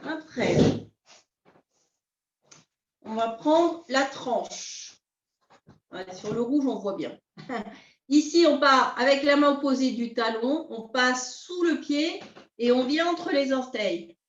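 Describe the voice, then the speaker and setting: A woman teaching a beginners' qi gong class, calmly guiding her students step by step. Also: high voice. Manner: calm, unhurried, step-by-step guidance. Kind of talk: guided class instruction. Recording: roomy, distant, dull sound.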